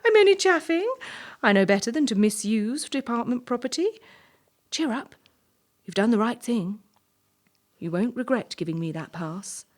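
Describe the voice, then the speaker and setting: Speaking at a medium pitch, an actress voices a cold, entitled young assessor in a play, offering mocking reassurance. Beneath the charm she sounds brisk, patronizing and quietly in control.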